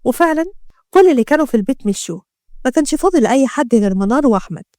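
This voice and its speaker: A woman with an Egyptian accent narrating a dramatic story in brisk, scripted storytelling. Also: sits high, animated, darkish tone, dry recording, studio quality. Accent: Egyptian Arabic.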